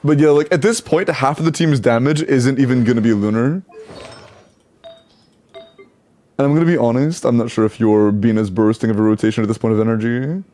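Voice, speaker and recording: A man with a warm, mid-range voice chats loosely with viewers while playing a game on stream, speaking through a headset mic. His pace is normal but he pauses often, and his reactions come out with stumbles and repeated words.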